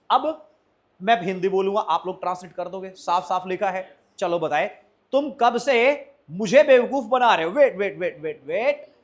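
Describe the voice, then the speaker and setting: A man teaching spoken to a class, who drills his students with repeated questions and slows way down on the phrases he models. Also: high voice. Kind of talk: classroom lesson.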